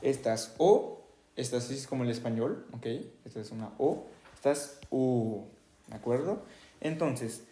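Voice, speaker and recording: A man gives a French pronunciation lesson at a steady, mid-pitched tone. He models each sound slowly and checks in constantly with the class. His voice carries a noticeable roomy echo. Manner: repeats "¿ok?" after nearly every phrase, demonstrates sounds slowly. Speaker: French teacher.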